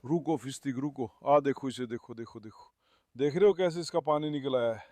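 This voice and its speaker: A man's voice: medium pitch, a little fast, a little mellow, dry recording. A man talking casually on his farm vlog, affectionately calling out to his dogs as if they were his children. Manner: affectionate, coos at his dogs and calls them his lions. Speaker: farm pet vlogger. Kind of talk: casual vlog talk to camera. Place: outdoors on a farm.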